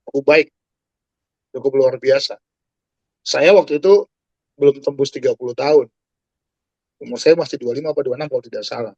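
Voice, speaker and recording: A man in his forties giving an animated talk on a video call, speaking straight to his listeners like a preacher. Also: mid-range voice, brisk, pauses often, no room sound, lo-fi sound. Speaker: guest speaker. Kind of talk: talk to an online audience.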